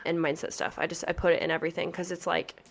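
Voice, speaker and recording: A woman's voice: lowish voice, flat delivery, fast talker, vocal fry. A woman in her thirties, a pageant coach, talking on her podcast in a chatty, earnest, motivational way with lots of emphasis. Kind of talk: casual podcast chat.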